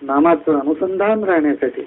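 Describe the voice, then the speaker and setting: A man giving a devotional discourse at a satsang, climbing high through lists of words and slowing down on key phrases. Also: husky. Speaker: satsang speaker. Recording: tinny phone-like line.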